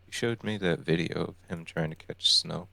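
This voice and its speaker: A man's voice: deep voice, moderate pace, creaky, pushed and bright, no echo. A man in casual gaming chat, bantering with dry jokes.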